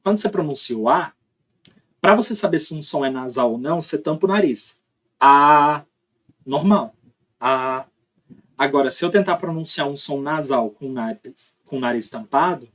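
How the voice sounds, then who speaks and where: A man's voice: a little high, animated, a little fast, fairly bright tone, husky. Brazilian man teaching phonology. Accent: Brazilian Portuguese. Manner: explanatory, demonstrates sounds aloud, frequent tag questions. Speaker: linguistics teacher. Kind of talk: recorded phonology lesson.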